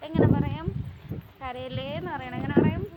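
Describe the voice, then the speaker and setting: Mom vlogger, high voice, coaxing questions to a small child, loud background noise. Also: female voice, fairly even intonation, moderate pace, narrow, tinny audio. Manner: coaxing, asks gentle questions. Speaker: vlogger mother. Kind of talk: casual chat with her toddler.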